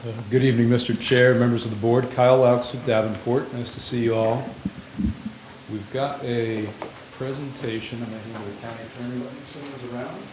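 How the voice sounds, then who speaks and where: A man's voice: medium pitch, steady tone, a little fast. A man opening a formal presentation to a county board in a polite, businesslike way. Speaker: financial advisor presenting. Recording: echoey noisy room, off mic.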